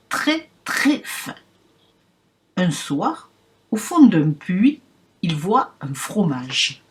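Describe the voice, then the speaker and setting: A woman reading a children's picture book aloud in a playful, expressive way. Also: medium pitch. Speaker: reader.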